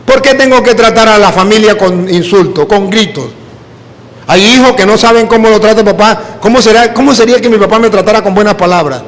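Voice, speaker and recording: A Venezuelan man, a priest, preaching a sermon full of lively personal stories in which he mimics the people he quotes. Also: high voice, fairly quick, big-room sound. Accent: Venezuelan Spanish.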